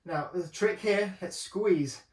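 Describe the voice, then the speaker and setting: A man's voice: high voice, slow, roomy sound, recorded from a distance. A man working as a personal trainer, talking viewers through an ab workout while exercising himself, encouraging and joking, short of breath between sets.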